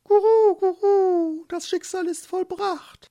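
Shrill cooing storybook doves. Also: steady tone, slow, mellow, heavily acted. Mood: agitated cooing. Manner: cooing interjections. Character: cooing gossipy doves, high and excited. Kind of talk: storybook reading.

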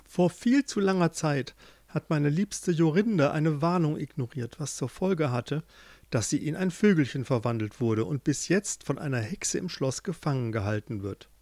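A man's voice: a little high, expressive, normal speed, a little mellow, no room sound. A man voicing a desperate young man in a spoken fairy tale, earnest and anxious. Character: desperate young man searching for his love.

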